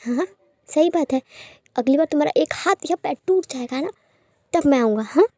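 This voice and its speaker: A woman voicing an angry young man scolding and shouting at his beloved in a storybook reading. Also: sits high, lively intonation, moderate pace, no echo, clean studio sound.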